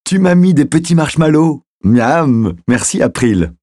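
A man voicing an excited little girl with a high, childlike, bubbly manner in a storybook reading. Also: fairly quick, breathy edge, no room sound, studio quality. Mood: excited, eager. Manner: bubbly, exclaiming.

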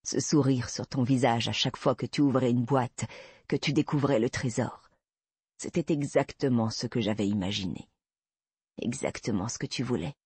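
A man's voice: mid-range voice, moderate pace, darkish tone, breathy edge, no echo. A man voicing a creepy obsessive man confessing. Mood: creepy tender. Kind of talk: audiobook reading.

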